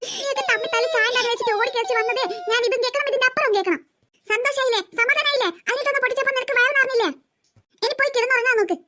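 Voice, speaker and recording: High bright cartoon mom done by a voice actor, fed up and nagging at her two girls. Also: rapid-fire. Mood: exasperated. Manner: exasperated, nagging. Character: scolding young mother of two girls. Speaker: cartoon mother.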